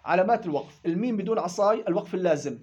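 A man teaching tajweed rules in a classroom lesson, explaining quickly and chanting verse examples in between. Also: high voice, expressive, a little mellow, lo-fi sound, slight background noise. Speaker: Quran recitation teacher.

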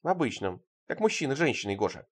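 A man reading the lines of a sharp-tongued, sulky young woman in a story, snappish and curt. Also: mid-range voice, big pitch swings, quick pace, slightly rough.

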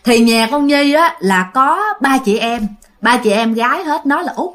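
A woman's voice: high voice, animated, measured pace, a bit bright. A woman telling a ghost story, chatting directly to her listeners.

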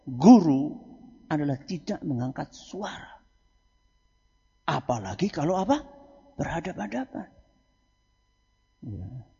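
A male Islamic preacher, giving a lecture, quizzing his audience and answering himself, dropping quiet then rising loud for emphasis. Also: fairly high pitch, very animated, slow, creaky, pauses often, husky. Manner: asks the audience questions and answers them himself. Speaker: Islamic preacher teaching a book study. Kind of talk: religious lecture. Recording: muffled hall recording.

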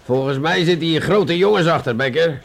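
In a radio play, a man with a Netherlands Dutch accent plays a condescending, weary police inspector, delivering lines sardonically and deliberately with stammered hesitations. His voice is on the high side and creaky, and his mood is patronising.

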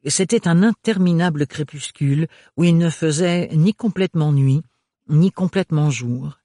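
A male narrator reads a novel in a steady, measured way. His voice sits slightly high for a man and is recorded dry and close, with no room sound. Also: dry recording. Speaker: audiobook narrator. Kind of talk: scripted narration.

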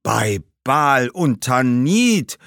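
A man voicing the boastful ghost of an old warrior ancestor, speaking slowly and indignantly in a storybook. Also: very animated, no echo, clean studio sound. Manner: slow, booming and indignant.

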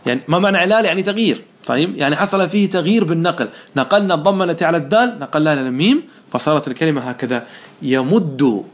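Fairly high-pitched and animated, this man speaks rapid-fire in a one-on-one Arabic morphology lesson. He quizzes his student with patience and compliments the replies.

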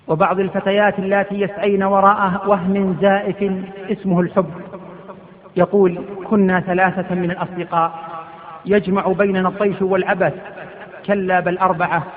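A male preacher giving a sermon. He retells a story solemnly and repeats phrases for emphasis. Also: high voice. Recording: tinny lo-fi sound with long hall reverb.

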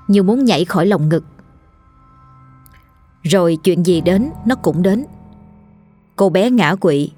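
A woman narrating a scripted horror story in a steady, measured way. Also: fairly low pitch. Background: faint music.

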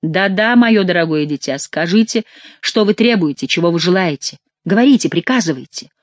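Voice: mid-range voice, animated, a little fast, no echo, close to an everyday voice. A reader voicing an aging queen mother who is imperious yet pleading, in a theatrical audiobook reading.

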